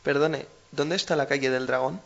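A man with a Spain Spanish accent co-hosts a language lesson, explaining patiently with everyday examples. His voice is medium-pitched, fairly even and creaky at a moderate pace, and the recording sounds muffled.

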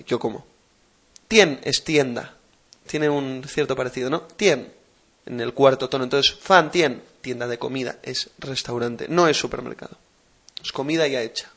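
A man hosting a language lesson podcast, explaining slowly and patiently and repeating words for practice. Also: mid-range voice, a bit bright. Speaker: language teacher and podcast host.

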